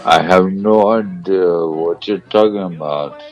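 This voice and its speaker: A man voicing a weary, worn-out male Easter Bunny who talks in a slow, exhausted drawl and tells corny jokes on a phone call. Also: deep voice.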